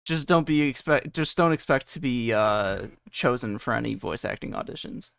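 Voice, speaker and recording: Dry, teasing man with a gravelly voice. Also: medium pitch, lively intonation, normal speed, a bit bright, no room sound. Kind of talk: casual banter.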